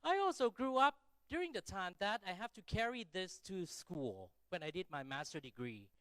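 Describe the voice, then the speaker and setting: A man's voice: high voice, big pitch swings, normal speed, fairly bright tone, clear, resonant tone, dry recording. A middle-aged man from Thailand speaking English with a Thai accent, giving an informal, conversational keynote speech with self-deprecating asides and rhetorical check-ins.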